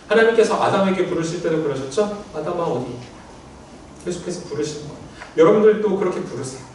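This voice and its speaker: A male pastor giving a sermon in a church, speaking in a gentle, conversational way and leading the congregation in readings. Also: sits high, slight background noise. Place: church sanctuary. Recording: very echoey church hall, mic at a distance.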